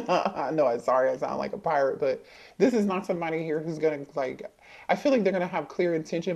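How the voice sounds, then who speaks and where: A woman's voice: low voice, a little mellow, lo-fi sound. A woman doing a casual tarot reading for viewers, thinking aloud, asking the cards questions and repeating herself as she goes. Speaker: tarot reader.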